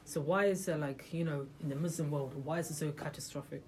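A religious talk leader addresses a small gathering in a room informally, speaking fairly quickly in a medium-pitched, slightly mellow voice. Rhetorical questions come often, as do restarted sentences.

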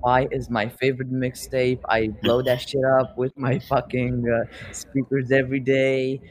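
A young podcast host chats loosely with up-and-coming rappers, asking them questions in a rambling style and swearing casually. His voice is medium-pitched and level, and he talks a little slowly.

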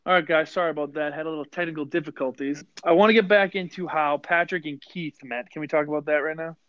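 A man hosts a casual podcast, asking questions and laughing easily. His voice sits slightly high. The sound is dull and dry, like a remote call. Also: steady tone, fast talker, fairly bright tone, dry recording. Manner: laughs often, friendly questioning. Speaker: podcast host.

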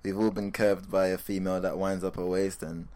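A man's voice: sits low, little pitch movement, fairly quick, darkish tone. A young man hosting a comedy podcast in casual, teasing banter full of slang. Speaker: podcast host.

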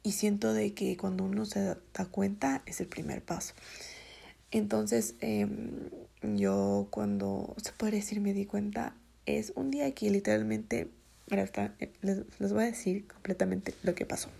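A woman in her twenties telling a personal story in a soft, hesitant way, often dropping to a half-whisper. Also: mid-range voice, expressive, unhurried, gravelly, husky. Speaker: vlogger.

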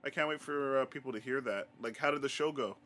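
A man's voice: mid-range voice, fast, fairly bright tone. A man hosting a podcast, chatting about music in enthusiastic, slangy banter. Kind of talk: casual chat.

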